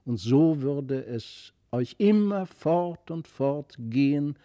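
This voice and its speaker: This is a man giving voice to a mysterious fairy child in an audiobook fairy tale. The tone stays soft, earnest and a little wistful. The voice sits slightly high, with a mellow, dark timbre in a dry, close recording. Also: lively intonation, slow, dry recording. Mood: gentle.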